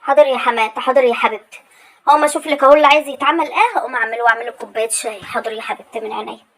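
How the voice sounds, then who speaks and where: A high-voiced young Egyptian daughter-in-law , played by a woman who talks very fast. She stays patient and obliging, agreeing politely to every demand in a comedy sketch. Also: a bit bright, a little hiss or hum, low-quality recording. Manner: meek, obliging replies.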